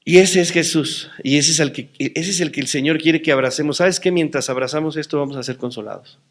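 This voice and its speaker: A middle-aged man preaching a sermon to a congregation, passionate, swinging between loud emphatic lines and soft, near-murmured ones. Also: on the high side, fast talker. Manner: acts out quoted voices within the preaching. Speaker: pastor. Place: church hall before a congregation.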